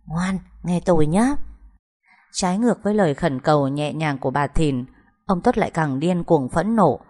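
A woman narrating a scripted audiobook. Her voice is low and mellow, and her storytelling is steady and emotive. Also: brisk.

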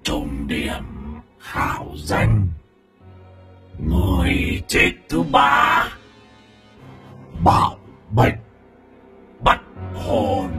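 A man voicing an eerie ghostly voice that calls out the names of the dead, rasping and chanting slowly. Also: on the high side, voice pushed up, heavily acted. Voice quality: rasping, uncanny. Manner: slow, drawn-out, chanting.

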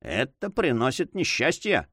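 A man voicing a hypocritical old judge who talks in a drawling, flattering, prim way. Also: mid-range voice, measured pace, no room sound, clean studio sound, pitched above the performer's own voice, heavily acted. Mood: offended piety. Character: hypocritical old male judge, pious and fawning.

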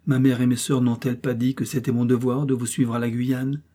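A man voicing a tender, playful seventeen-year-old wife who speaks softly. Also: mid-range voice, little pitch movement, fairly quick, close to an everyday voice. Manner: soft, coaxing and playful.

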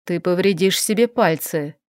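A woman voicing a calm, dry-witted male vampire advisor who speaks evenly and unhurriedly in an audiobook. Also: on the low side, dry recording, close to an everyday voice. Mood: calm teasing. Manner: even, unhurried, teasing.

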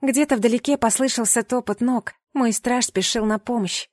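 A woman reading a first-person fantasy audiobook with expressive, dramatic storytelling. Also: a little high, normal speed, no echo, studio quality. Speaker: audiobook reader.

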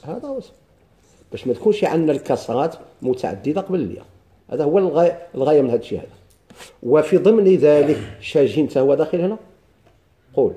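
A man's voice: fairly high pitch, animated, fast, pauses often, warm tone. A man with a Moroccan accent teaching a grammar lesson, explaining step by step and quizzing his students with questions.

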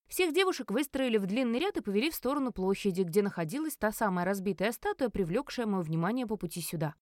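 A woman reading a fantasy novel aloud in the first person. Her delivery is expressive and emotional, at a middle pitch. The sound is dry and close, with no room around it. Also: no room sound. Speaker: audiobook narrator.

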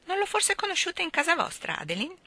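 A woman voicing an excitable society lady who gossips eagerly about her acquaintances. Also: very high voice, quick pace, no room sound, voice pushed up, exaggerated voice. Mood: gossipy.

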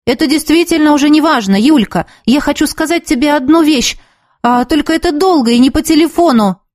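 A woman's voice: high-pitched, darkish tone, dry recording, studio quality, pitched above the performer's own voice, lightly acted. A woman voicing an earnest young man in love. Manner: quick and focused. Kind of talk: audiobook character reading.

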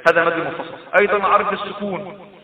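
A man's voice: high-pitched, fairly even intonation, fast talker. A man with an Egyptian accent teaching Quran recitation rules, patiently explaining and repeating terms, chanting verses as examples. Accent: Egyptian Arabic. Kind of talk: tajweed lesson. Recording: echoey, distant, dull lo-fi.

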